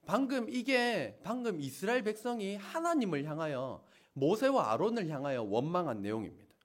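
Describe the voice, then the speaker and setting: A man's voice: a little high, sing-song, normal speed. A middle-aged male pastor giving a sermon, dramatically acting out the wailing and complaints of a crowd. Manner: dramatic, acts out wailing crowds in loud outbursts.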